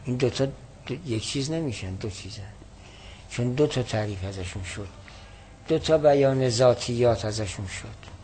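A man teaches a classical text in a steady, explanatory way, with a voice neither high nor low. He reads quoted passages slowly and with more weight. A faint background hiss sits under the recording.

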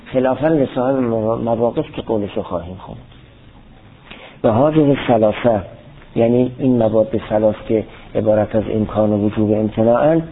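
A husky voice on the low side belongs to a man teaching theology and logic, who reads a classical Arabic text aloud in a lecture and goes through it line by line. The recording has a tinny, phone-like quality.

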